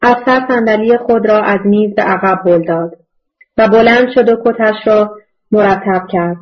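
A woman reading a novel aloud as narrator in a measured, subdued way, on a dull lo-fi recording. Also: medium pitch, fairly even intonation. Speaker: audiobook narrator. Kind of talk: scripted narration.

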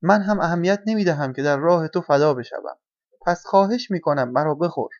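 A man voicing a timid but brave little frog in a storybook reading, speaking earnestly and gently. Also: on the high side, no room sound, close to an everyday voice. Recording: dull, dry lo-fi recording.

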